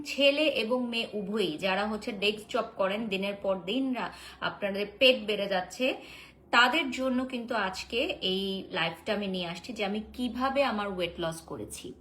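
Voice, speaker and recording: A woman, chatting casually in a live-stream sales pitch, answering viewer comments and slipping in English filler words. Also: fairly bright tone, rough recording.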